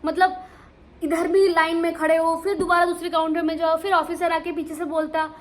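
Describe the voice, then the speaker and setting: A young woman vlogger casually telling a travel story, animated and full of restarts. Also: very high-pitched, normal speed. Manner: animated, many restarts and fillers.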